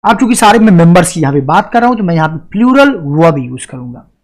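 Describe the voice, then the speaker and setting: A man teaching English grammar in a classroom lecture style, asking and answering his own questions and reading example sentences slowly. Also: on the high side, very animated. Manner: explains step by step, often asks and answers his own questions; addresses students directly, stresses points with "ध्यान रखिएगा".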